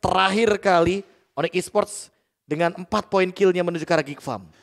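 High-voiced male game announcer, emphatic. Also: moderate pace, vocal fry, a little hiss or hum. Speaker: esports shoutcaster. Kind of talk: fighting game announcer style live commentary. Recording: music under the commentary. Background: music.

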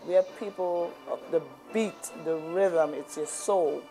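An older woman, a program founder, speaking earnestly and quickly in an indoor interview. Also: lowish voice, dark tone, faint music behind. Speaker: founder and executive director of a youth program. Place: indoor room lined with bookshelves.

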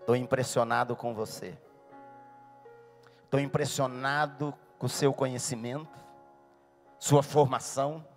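A preacher doing a soft, calm Jesus. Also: male voice, medium pitch, unhurried, pauses often, soft background music, pitched below the performer's own voice, lightly acted. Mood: gently amused. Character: gentle, impressed male Jesus, calm teacher.

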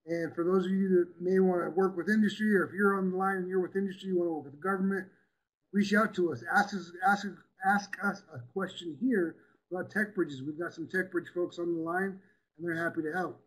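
Man, high-pitched, quick and upbeat, casual online presenter. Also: steady tone, poor audio. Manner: fast, upbeat, chatty.

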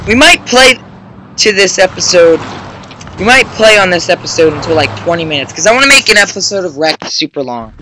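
A young man hosting a casual let's play, excitable and joking, chatting to his horse in the game. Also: sits high, brisk, slight background noise, poor audio. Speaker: gaming channel host.

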